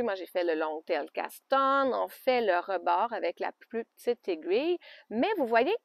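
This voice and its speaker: A woman with a Québécois French accent chatting casually in a knitting podcast, homey and loose, with soft laughs. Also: mid-range voice, gravelly, no room sound, clean studio sound. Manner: chatty, homey, often laughs softly and adds little fillers. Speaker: knitting podcaster and alpaca farmer. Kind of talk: casual show-and-tell chat. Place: outdoors by an alpaca pen.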